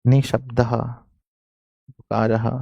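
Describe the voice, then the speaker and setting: Slow, repetitive male teacher dictating. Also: mid-range voice, level tone, dark tone, no echo, dull audio. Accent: Bihari Hindi. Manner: dictates slowly, repeating phrases for students to write; coaxing, calls students "my children". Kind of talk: online exam-prep grammar lesson.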